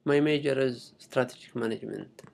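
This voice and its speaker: A young international student from Saudi Arabia, a native Arabic speaker with a Saudi accent, gives an unscripted screen-recording tutorial, stepping through it haltingly in simple phrases. His voice is medium-pitched and darkish, with vocal fry.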